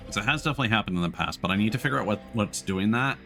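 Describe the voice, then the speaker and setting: Over soft background music, a man narrates his live gameplay at a very fast pace in a low, expressive voice with vocal fry and a pushed, bright edge. His close-miked commentary is casual and slangy, broken up by chuckles.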